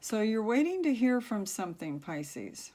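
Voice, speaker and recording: A soft-spoken woman giving a tarot reading, talking low and halting with many fillers. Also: sing-song. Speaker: tarot reader.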